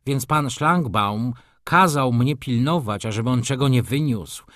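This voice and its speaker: A man voicing a humble, nervous male shop clerk who keeps apologizing in a higher, pleading voice. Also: expressive, a little slow, fairly bright tone, no room sound, studio quality.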